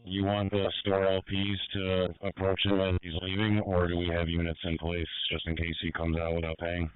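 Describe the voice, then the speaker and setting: A man with a very low, clear voice giving surveillance updates. He speaks in a measured monotone over a thin police radio channel. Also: narrow, tinny audio.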